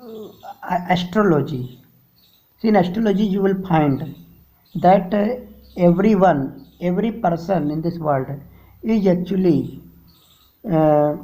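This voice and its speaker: Indian English male teacher, high-pitched and mellow, unhurried, explains each word, lots of "uh". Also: low-quality recording. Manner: reads a sentence then glosses words in simple terms, halting with fillers. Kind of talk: lesson explaining a story line by line.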